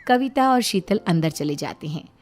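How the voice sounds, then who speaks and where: A woman narrating a cartoon family story in an even, storytelling manner. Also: lowish voice, normal speed.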